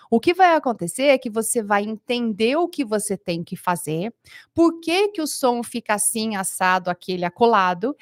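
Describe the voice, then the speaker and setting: A woman from Brazil teaching an English lesson online, chatty and energetic, talking to viewers as she shares her screen. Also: a little high, dry recording, clean studio sound. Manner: chatty, energetic, reads out chat messages.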